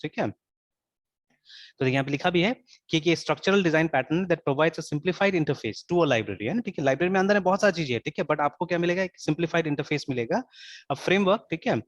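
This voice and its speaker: In a dull, dry lo-fi recording, a man with a slightly high voice runs an informal online coding class. He mixes English into his speech and keeps checking in with "theek hai."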